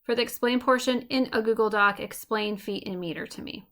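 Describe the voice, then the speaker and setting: A woman teacher giving a recorded lesson, explaining clearly and slowing down to tap out rhythms. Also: on the high side, fairly bright tone.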